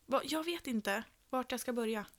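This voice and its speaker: Woman, podcast co-host, animated storyteller, slightly high voice. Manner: animated storyteller, acts out quotes. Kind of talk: casual podcast chat.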